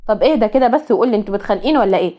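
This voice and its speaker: A woman's voice: mid-range voice, expressive, very fast, warm tone, close to an everyday voice. A woman playing an indignant protective brother. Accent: Egyptian Arabic. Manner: blunt, indignant. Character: protective older brother, angry young man.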